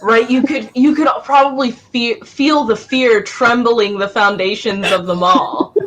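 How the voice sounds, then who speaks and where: A woman's voice: fairly high pitch, unhurried. A woman co-hosting a live writing stream, joking and reading out viewer comments casually. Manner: animated, jokey, reads out viewer comments. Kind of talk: casual chat.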